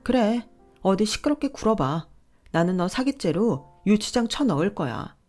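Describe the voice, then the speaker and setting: A woman voicing a furious young pregnant wife who scolds and shouts at her husband. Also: mid-range voice, animated, normal speed, soft background music, lightly acted.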